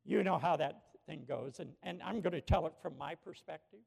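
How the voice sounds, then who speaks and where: A man preaching a sermon in a church, telling a story with animated swings from hushed to shouting. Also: a little high, brisk, vocal fry, slightly rough. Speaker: pastor. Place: church sanctuary with a balcony. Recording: long hall reverb from a church.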